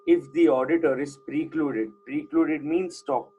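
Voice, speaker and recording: A man's voice: a little high, steady tone, measured pace, warm tone, slightly rough, lo-fi sound, soft background music. A man teaching an online class, putting questions to students and repeating the key points.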